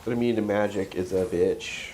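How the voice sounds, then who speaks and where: A man's voice: on the low side, steady tone, normal speed, warm tone, a little hiss or hum. Stuffy-nosed man streaming a game. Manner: talks to himself, swears offhandedly. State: congested, stuffy nose. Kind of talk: casual gameplay livestream commentary.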